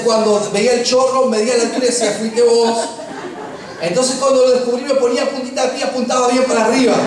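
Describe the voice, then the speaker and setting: A middle-aged man with an Argentine accent preaching a sermon, telling personal stories with humor and slowing down for emphasis. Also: extremely high pitch. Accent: Argentine Spanish. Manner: humorous storytelling, slows for emphasis. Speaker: pastor. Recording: echoey room, distant mic, faint noise.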